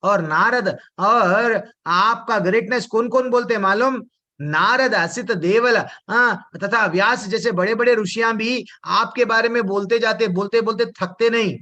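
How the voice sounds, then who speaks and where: A man teaching a devotional scripture class who asks rhetorical questions and then answers them, drops English words into his talk and slows down to chant verses. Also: sits high, pushed and bright, lo-fi sound.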